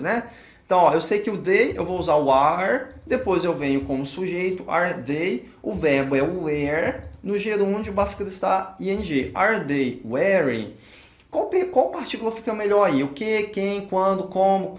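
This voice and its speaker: A man's voice: high voice, echoey room. A man with a Brazilian Portuguese accent, an English teacher working through a grammar exercise aloud and checking each answer.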